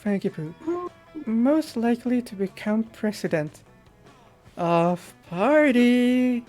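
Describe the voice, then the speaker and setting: Slow-paced woman reading a game's story. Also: fairly high pitch, sing-song, mellow, soft background music. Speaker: game streamer reading the narration aloud. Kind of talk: unhurried story narration and casual stream chat.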